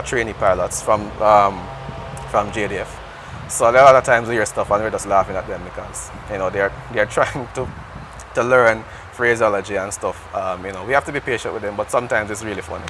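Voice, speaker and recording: Heard over a low-quality recording with a little hiss or hum, this Jamaican air traffic controller has a lowish, slightly bright voice. He's being interviewed and talks casually, frequently beginning his sentences again.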